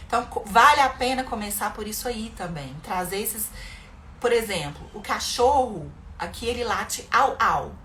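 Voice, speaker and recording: A Brazilian woman giving parents advice in a live stream, talking lively and acting out little sound words playfully. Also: mid-range voice, normal speed. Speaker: bilingual parenting educator. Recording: echoey room with faint noise.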